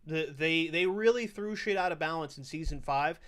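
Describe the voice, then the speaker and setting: A young man gives casual reaction commentary on his stream, rambling loosely and cursing often. His voice sits a bit high for a man. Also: moderate pace, fairly bright tone. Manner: loose, rambling, swears freely.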